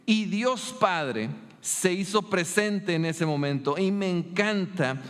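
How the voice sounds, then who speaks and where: A male pastor with a Mexican Spanish accent delivers a sermon, his voice sitting a little high for a man. He tells the story in an earnest, emphatic way, and each phrase rings out with the long echo of a church hall. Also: animated, takes it slowly, a bit bright, clean tone.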